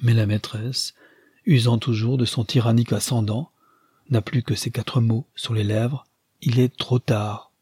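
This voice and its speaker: Audiobook narrator, man, solemn, measured, dry close-miked sound. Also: medium pitch, steady tone, mellow, husky, no echo. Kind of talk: scripted narration.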